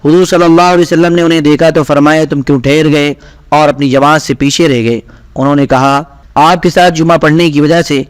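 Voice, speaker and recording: A man reading aloud scripted narration of religious stories in a steady, even manner. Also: on the high side, clear, resonant tone, no room sound. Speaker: reader.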